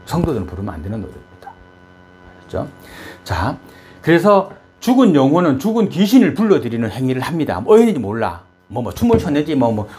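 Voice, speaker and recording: A man preaching a sermon in an animated way, jumping from loud high bursts to low murmurs and quizzing the congregation. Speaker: pastor.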